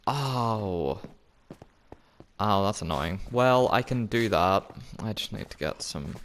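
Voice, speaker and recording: A Minecraft gameplay commentator talks to himself in a casual, rambling, playful way while building, also chatting to viewers. His voice is fairly low, expressive, slow and a bit bright, with a little hiss or hum.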